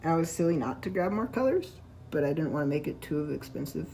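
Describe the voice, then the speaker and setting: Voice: mid-range voice, expressive, fairly quick, gravelly, warm tone, slight background noise. Casual painting streamer chatting to themself. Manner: rambling, self-talk while working. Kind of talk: casual chat while painting.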